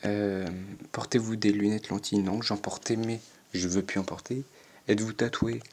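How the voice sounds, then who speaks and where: Young teen boy, low and husky, casual self-mocking commentary full of stammers and fillers. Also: flat delivery, normal speed, darkish tone. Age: teenager, 14. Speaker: YouTuber answering an online quiz. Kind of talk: casual commentary reading quiz questions aloud.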